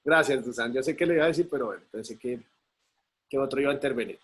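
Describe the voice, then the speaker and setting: A man's voice: medium pitch, quick pace. A male teacher, patiently explaining a lesson over a video call and often checking in with his students. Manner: patient, checks in with frequent tag questions. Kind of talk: online class explanation.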